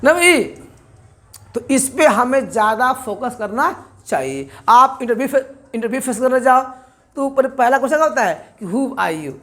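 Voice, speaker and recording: A woman's voice: high voice, lively intonation, normal speed, fairly bright tone. A woman with an Indian accent teaching spoken English, asking questions and answering them herself, drilling words by repetition. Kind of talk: classroom-style language lesson.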